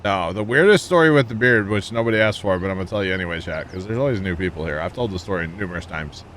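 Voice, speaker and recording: Here a male streamer talks loosely with his audience as he games, laughing a lot through meandering, joking anecdotes. He speaks low, fast and animated, with a slightly bright edge. There's a faint hiss or hum in the recording.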